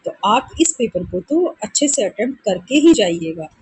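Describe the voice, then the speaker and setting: Husky Indian woman teaching exam questions. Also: medium pitch, big pitch swings, a little mellow, low-quality recording. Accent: Indian English. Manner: reads English questions slowly, then explains them in Hindi. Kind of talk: exam-prep lecture, reading questions aloud then explaining.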